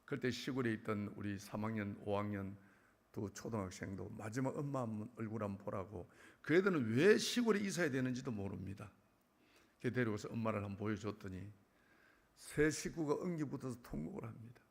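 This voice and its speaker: A middle-aged man giving an emotional church testimony, pleading tearfully and swinging from hushed to loud. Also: lowish voice, expressive, a little fast, gravelly. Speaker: testimony speaker. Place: church sanctuary. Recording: church hall reverb.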